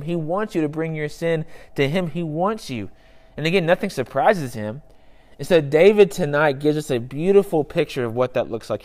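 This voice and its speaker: Young guy pastor giving an evening sermon, earnest and chatty, kinda high voice. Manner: earnest, conversational preaching with fillers and repeated phrases.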